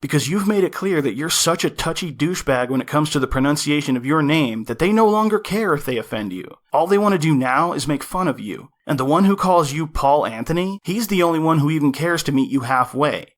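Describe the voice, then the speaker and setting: Sarcastic lecturing American man. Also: a little high. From United States. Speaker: commentary video host. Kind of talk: scripted reaction commentary.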